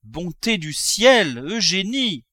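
A man's voice: mid-range voice, animated, measured pace, fairly bright tone, dry recording, clean studio sound. A male narrator voicing a pious, pleading old wife. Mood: overjoyed. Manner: emotional, pleading. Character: pious, timid older wife pleading for mercy.

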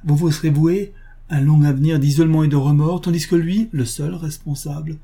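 A man's voice: medium pitch, steady tone, moderate pace, dark tone, husky, close to an everyday voice. A man voicing a loyal nobleman, a duke, speaking in an earnest, impassioned way. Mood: indignant.

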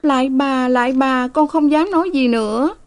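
A woman voicing a frightened young servant girl who pleads in a shrill voice. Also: normal speed, close to an everyday voice. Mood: pleading.

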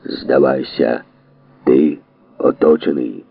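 A man voicing a gruff male policeman in an audiobook, barking orders in a low put-on voice. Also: takes it slowly, no room sound, full character voice. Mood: commanding. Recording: dry tinny narrow-band audio.

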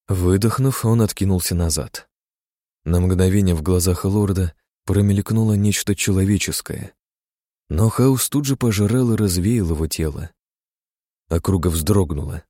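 A man narrating a fantasy audiobook in a deep, mellow voice. His reading is steady and dramatic. The sound is dry, with no room around it. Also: no echo.

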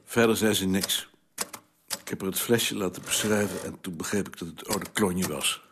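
An actor playing a weary, stubborn office-worker husband in a radio play, giving terse replies. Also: male voice, low voice, moderate pace, fairly bright tone, slight background noise.

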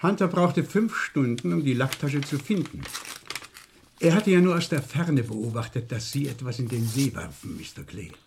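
A male actor with a medium-pitched, expressive voice, close to everyday speech, plays a shrewd police inspector in a vintage radio crime play, needling dryly with deliberate, falsely casual delivery. He sounds triumphant and insistent. There's slight background noise.

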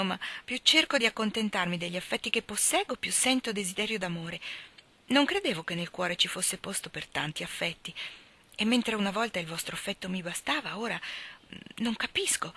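A woman reading aloud and voicing a restless young woman who longs for love, in a soft, confiding way. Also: medium pitch.

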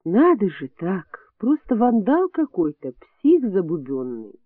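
A scolding hospital matron, sarcastic and quick to take offense, as a male audiobook reader puts her on. Her voice leaps high and swings widely in indignation. The sound is dry and tinny, like an old phone line. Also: wildly swooping pitch, no room sound, exaggerated voice. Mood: indignant. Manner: sarcastic, indignant, shrill rises. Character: sharp-tongued sarcastic middle-aged hospital woman.

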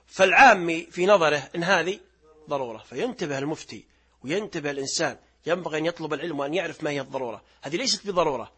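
A middle-aged man giving a religious lesson, explaining verses, reciting them slowly and quizzing his listeners. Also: fairly high pitch, lively intonation, pushed and bright, husky. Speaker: sheikh teaching Quran commentary.

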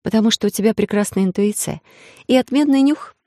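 A woman's voice: medium pitch, animated, fairly quick, a little mellow, no echo, studio quality, lightly acted. A woman voicing a playful, cunning young heroine in a romance audiobook, coy and teasing. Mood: coaxing.

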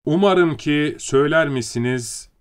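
A man's voice: a little high, measured pace, clean tone, pitched above the performer's own voice, lightly acted. A man voicing a pompous male general who cries out in offended indignation. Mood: pleading. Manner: indignant outcries.

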